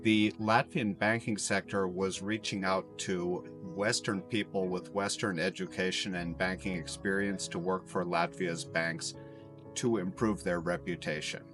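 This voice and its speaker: A deep-voiced, unhurried middle-aged man from Chicago, a former banker, earnestly recounts his story during an interview and walking tour. Music plays beneath his voice.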